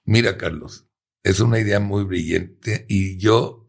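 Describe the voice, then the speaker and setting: Middle-aged mexican guy, gravelly husky voice, kinda low, swears a lot and acts out everyone in the story. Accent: Mexican Spanish. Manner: animated, swears freely, acts out both sides of dialogue. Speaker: advertising agency owner telling a story. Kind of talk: casual storytelling.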